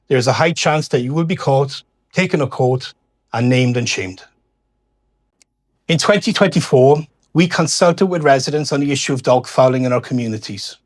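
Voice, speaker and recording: Man, scripted address. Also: mid-range voice. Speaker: local councillor, cabinet member.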